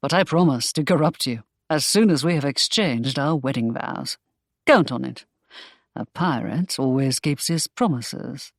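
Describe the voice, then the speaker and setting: A protective young nobleman in a romance audiobook, voiced by a woman narrator, pitched well below her own voice. He talks low and tender with a teasing edge. The recording is close and dry. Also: lively intonation, unhurried, vocal fry, dry recording, full character voice.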